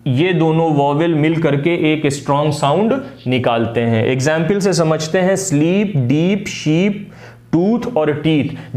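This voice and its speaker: A man's voice: a little high, a little mellow, roomy sound. Man teaching phonics. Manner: patient, with frequent "uh" fillers. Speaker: English phonics tutor. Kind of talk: explaining lesson.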